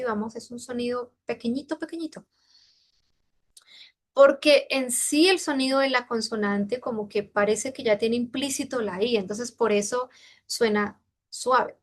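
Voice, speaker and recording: Woman teaching sounds with slow demonstrations. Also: fairly high pitch. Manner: demonstrates sounds slowly and repeatedly; explanatory, checks understanding with questions. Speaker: Mandarin teacher. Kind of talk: online pronunciation lesson.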